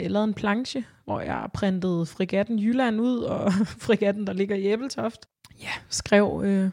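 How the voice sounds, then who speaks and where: A young adult woman telling her own story in a podcast interview, earnest and halting, with many fillers and restarts. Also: medium pitch, creaky, darkish tone. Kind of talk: personal testimony in a podcast interview.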